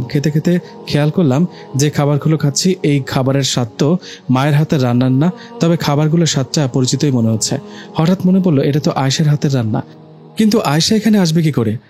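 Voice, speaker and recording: Guy narrating a story, calm steady voice, soft music in the back. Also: a little high. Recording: narration over faint music.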